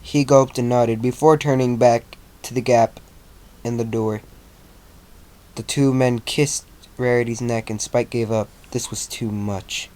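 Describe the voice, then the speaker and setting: Man, mid-pitched, slow amateur story reader who trips over words and restarts; relaxed, casual. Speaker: fan fiction reader.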